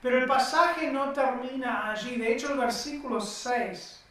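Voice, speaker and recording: A preacher gives a sermon, speaking slowly and emphatically with dramatic pauses. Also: high-pitched, pushed and bright. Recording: echoey room, distant mic.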